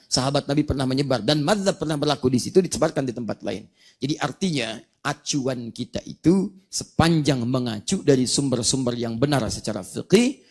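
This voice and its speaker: A man's voice: mid-range voice, a little mellow. A man giving an Islamic religious lecture, explaining points of law with rhetorical questions and recited Arabic verses. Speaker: preacher.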